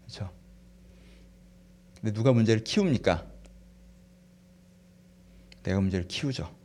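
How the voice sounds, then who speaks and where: A man preaching a sermon, asking the congregation questions and swinging from loud fervent peaks to quiet, soft passages. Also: lowish voice, animated, measured pace. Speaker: pastor.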